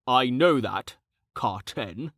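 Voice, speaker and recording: A man's voice: mid-range voice, unhurried, no echo, pitched above the performer's own voice, lightly acted. Audiobook: male narrator plays a sardonic, exasperated companion, close dry read.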